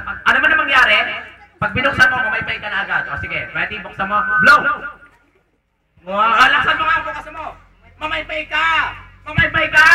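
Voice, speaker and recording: A man working as a clown at a children's birthday party, teasing and joking with a child and laughing often. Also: high-pitched. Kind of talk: hosting a children's party game. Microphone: handheld mic, recorded by a distant camera. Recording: roomy sound from far off.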